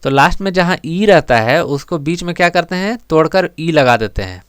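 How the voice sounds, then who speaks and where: A man teaching an exam-prep grammar lesson, explaining step by step and repeating words slowly for emphasis. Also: on the high side, expressive, clean tone, dry recording, studio quality.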